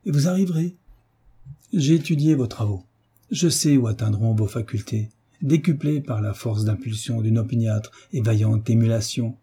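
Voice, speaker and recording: A man's voice: mid-range voice, moderate pace, warm tone, slightly rough. A man reading the part of David, a fervent, idealistic male tutor, speaking in an impassioned, oratorical way in an audiobook. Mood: rousing.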